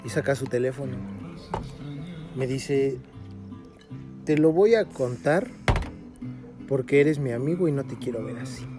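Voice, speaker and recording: A man's voice: medium pitch, a little slow, long pauses. A young man with a Mexican accent telling a personal story in casual, slang-heavy chat among friends, with lots of filler words. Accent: Mexican Spanish. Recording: music playing in the background.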